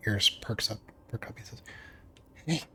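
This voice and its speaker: A man running a tabletop game as game master, narrating in a relaxed, hesitant way with many fillers. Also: on the low side, moderate pace, slightly rough.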